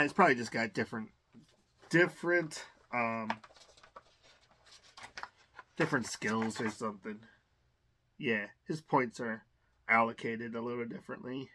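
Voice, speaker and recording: This adult unboxing host speaks at a medium pitch, his voice pushed and bright, with a bit of hiss or hum on the recording. He rambles and stumbles through lots of fillers and false starts while reacting eagerly to each thing he unpacks.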